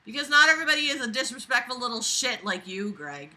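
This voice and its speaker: Reading a book aloud to review it, a woman keeps breaking in with exasperated, sarcastic commentary, swearing freely in a scornful, theatrical way. Her voice is on the high side, sing-song, bright and forceful, and she talks quickly. The recording is rough.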